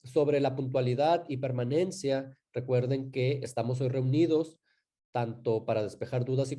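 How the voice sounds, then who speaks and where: A man teaching a live online class, talking in a relaxed way with frequent fillers and self-corrections. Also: medium pitch.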